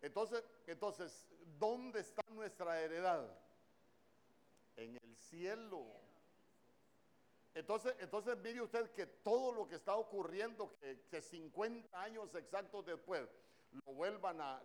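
A male preacher with a Honduran Spanish accent delivers a church sermon. His voice sits a little higher than most men's, and he keeps firing questions at his listeners. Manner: animated, questioning the congregation.

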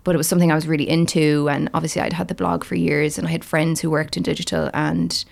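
Creaky-voiced woman with a west of Ireland accent. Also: deep voice, level tone, quick pace. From Galway, Ireland. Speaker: podcast guest, beauty writer. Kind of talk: casual interview chat.

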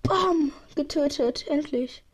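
Excitable high-voiced woman gaming. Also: takes it slowly. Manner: excitable, swears, uses youth slang; sometimes drops to a whisper. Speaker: gaming channel host. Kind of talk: live gameplay commentary. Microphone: headset or desk mic.

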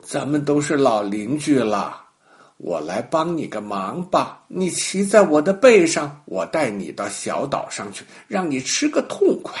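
A man's voice: mid-range voice, sing-song, measured pace. A man voicing a scheming young male crocodile in a children's story, coaxing and wheedling.

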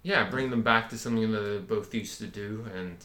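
A man's voice: fairly low pitch, brisk, sharp tone. A man co-hosting a podcast, agreeing readily and asking questions in a casual chat. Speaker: podcast co-host. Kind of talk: casual discussion. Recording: echoey room.

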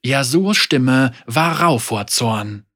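An audiobook narrator reading a fantasy story with expressive storytelling. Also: medium pitch, slow pace.

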